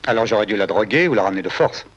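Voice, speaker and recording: An actor playing a composed investigator in a 1970s film drama, questioning people in a terse, probing way. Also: male voice, lowish voice, expressive, rapid-fire. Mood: measured, defensive. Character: composed male investigator hired to find a client's daughter. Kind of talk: 1970s French-language film drama acting. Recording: dull, noisy old film soundtrack.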